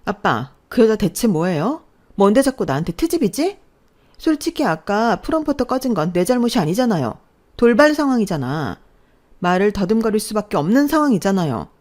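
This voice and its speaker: A woman voicing a spoiled, bratty young woman announcer who whines and scolds her older sibling in a shrill voice. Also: sing-song, moderate pace, a little mellow. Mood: whiny.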